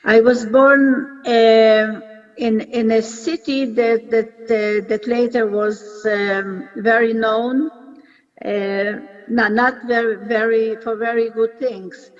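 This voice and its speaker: A woman in her eighties, born in Poland, recounting her childhood in a recorded interview, halting and restarting often. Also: fairly high pitch, steady tone. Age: 80s. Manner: halting, with many restarts and pauses. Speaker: Holocaust survivor interviewee. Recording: dull lo-fi video recording.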